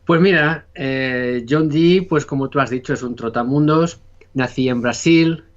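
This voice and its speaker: A man's voice: mid-range voice, a little slow. Rambling Spanish man, muffled audio. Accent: Spanish (Spain). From Spain. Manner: rambling, many fillers and restarts. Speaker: podcast guest. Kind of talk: casual conversation.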